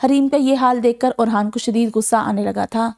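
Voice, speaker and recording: Mellow woman narrating a novel. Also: on the high side. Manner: steady, even storytelling. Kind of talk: audiobook reading of a novel.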